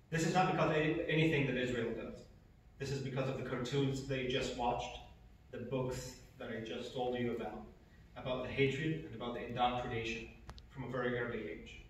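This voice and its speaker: A man's voice: mid-range voice, a little hiss or hum. A man, giving an earnest personal testimony with emphatic repetitions. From Egypt. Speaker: speaker. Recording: echoey hall from far off.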